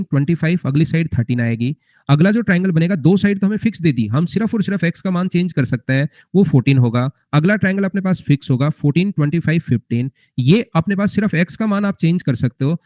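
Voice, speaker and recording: A man's voice: a little high, expressive, quick pace, a little mellow, dry recording. A young man teaching a math class live, repeating points and quizzing his students with rhetorical questions. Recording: muffled lo-fi recording.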